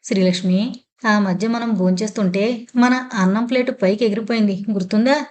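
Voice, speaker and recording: A woman's voice: mid-range voice, fairly even intonation, normal speed, darkish tone, lightly acted. A woman voicing an anxious, determined father who presses with urgent questions.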